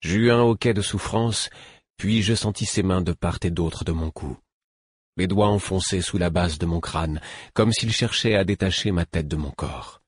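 Narrateur de livre audio, voix d'homme très grave et voilée, enregistrement sec et proche. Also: male voice, sits low, normal speed, husky, dry recording, clean studio sound. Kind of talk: first-person novel narration.

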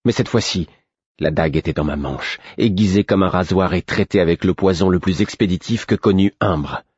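A man narrates a first-person fantasy audiobook in a very low, husky voice, reading steadily and with measure. The recording is dry and a touch dull. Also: moderate pace, darkish tone, no room sound.

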